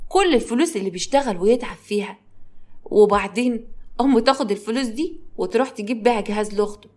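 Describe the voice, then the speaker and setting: A woman's voice: mid-range voice, lightly acted. A woman with an Egyptian accent voicing a scheming, spiteful middle-aged mother who scolds sharply. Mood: gossiping. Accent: Egyptian Arabic.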